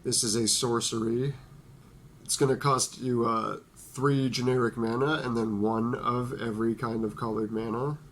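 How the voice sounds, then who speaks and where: Young male host, blocked nose, breezy playful card-review delivery, middle-pitched. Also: steady tone, normal speed. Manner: playful, jokey asides to an imagined listener. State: stuffy nose from allergies. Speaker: Magic card video host. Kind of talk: casual card review talk.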